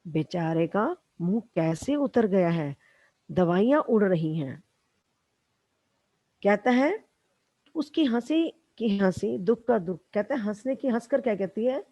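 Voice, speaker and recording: A woman's voice: mid-range voice, expressive, unhurried, pauses often, dark tone, no echo, lo-fi sound. A woman teacher reading a story lesson aloud to schoolchildren and explaining each line in simple words.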